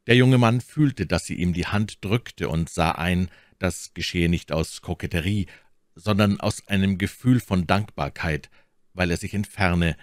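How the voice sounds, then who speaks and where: A man reading a classic novel aloud in calm, measured audiobook narration. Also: low-pitched, no echo, clean studio sound. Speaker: audiobook reader.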